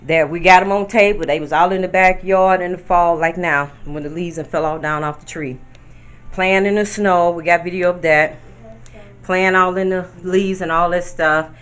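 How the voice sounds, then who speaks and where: Her voice is lowish, smooth, and steady, moving at a moderate pace. She's a fifty-something grandmother vlogging at home, chatting loosely and speaking straight to the people watching.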